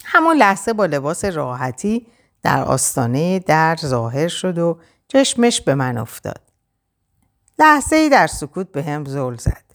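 Low-voiced woman reading a novel. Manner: expressive storytelling. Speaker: audiobook narrator. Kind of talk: first-person novel reading.

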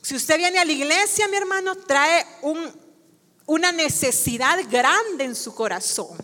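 A woman delivers a sermon as a guest preacher, her voice sitting high for a woman. She keeps turning to the congregation with rhetorical questions. Her words ring out with a long reverb in the church hall. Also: lively intonation, measured pace, pushed and bright.

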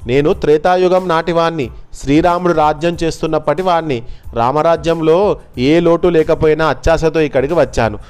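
Man reading as an ancient cursed man, weary, grave, steady, storybook. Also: on the high side, brisk, clean tone, soft background music, lightly acted.

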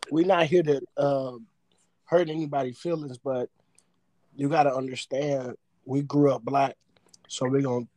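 A man co-hosting a casual podcast, speaking in a relaxed, halting way with fillers. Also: medium pitch, dry recording, poor audio. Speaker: podcast co-host.

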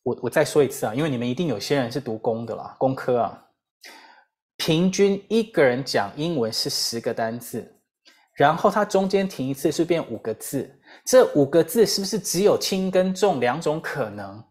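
A woman with a Taiwanese Mandarin accent giving a lively English lesson, full of rhetorical questions and repeated drills. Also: deep voice, moderate pace. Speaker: English teacher. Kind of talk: lively lecture.

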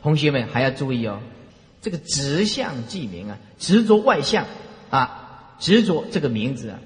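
A man's voice: medium pitch, normal speed. A man with a Taiwanese Mandarin accent giving a lecture to students, telling stories with lots of repeated phrases. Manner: animated storyteller who repeats phrases. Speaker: Buddhist lecturer. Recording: long reverb hall.

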